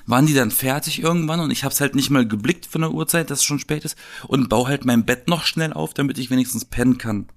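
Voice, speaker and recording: A man's voice: mid-range voice, fast talker, creaky, hardly any pauses. A man co-hosting a podcast, telling a story casually and animatedly, swearing now and then. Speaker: podcast co-host.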